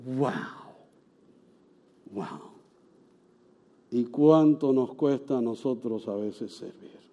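Man, pastor, sermon, mellow warm tone, animated storytelling, sudden exclamations. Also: mid-range voice, unhurried, highs cut off.

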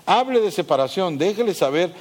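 A middle-aged man preaching a sermon, emphatic, asking the congregation rhetorical questions and dropping from loud high points to low asides. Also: expressive, fairly quick. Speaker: pastor.

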